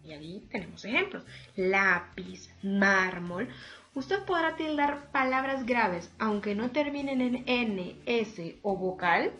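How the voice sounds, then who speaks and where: Slow, deliberate woman teacher. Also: medium pitch, a bit bright, faint music behind. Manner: slow, deliberate, syllable by syllable, addresses students formally. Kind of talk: remote lesson on spelling and accents.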